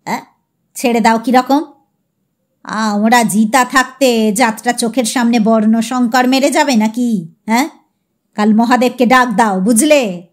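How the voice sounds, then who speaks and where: A woman's voice: on the high side, unhurried, pitched below the performer's own voice, natural voice. Woman doing a blustering old landlord. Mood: indignant. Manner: gruff, blustering, short-tempered.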